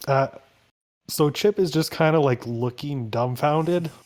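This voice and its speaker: A man's voice: a little high, unhurried, darkish tone. A young man narrating and framing scenes in a tabletop role-playing game, in a hesitant, laid-back way.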